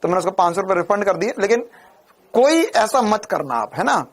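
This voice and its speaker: A man's voice: high voice, sing-song, a little fast. A young man teaching a physics class in a casual, chatty way, talking to students like friends. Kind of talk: casual Hindi lecture.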